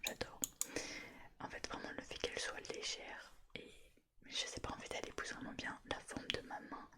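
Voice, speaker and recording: A woman softly whispering right in your ear in a casual ASMR show-and-tell, with a gushing, enthusiastic manner. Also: moderate pace. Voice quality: soft, unvoiced whisper. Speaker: ASMR YouTuber.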